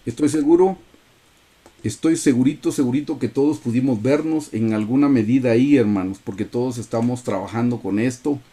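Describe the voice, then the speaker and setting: Man preaching a bible study on a video call, mellow voice, earnest and steady. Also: medium pitch, a little fast, slightly rough. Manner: earnest, repeatedly addresses listeners as brothers. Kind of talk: sermon-style Bible teaching over a video call.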